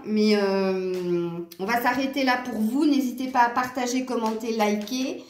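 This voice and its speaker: Speaking directly to her audience, a woman with a southern French accent chats her way through a tarot reading and frequently breaks into laughter. She has a high voice, and the room is echoey.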